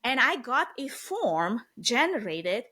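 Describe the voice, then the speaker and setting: Speaking slowly in a slightly high voice, this AV production business owner in her forties, who has a Romanian accent and isn't a native English speaker, joins a casual interview chat by video call. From her home office lined with lit bookshelves, she talks animatedly with her hands, her tempo uneven.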